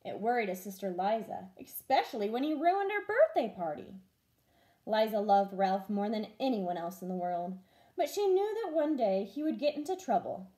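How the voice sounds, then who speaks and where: This is a woman teacher at medium pitch and moderate pace, reading aloud from a children's storybook with lively, expressive storytelling.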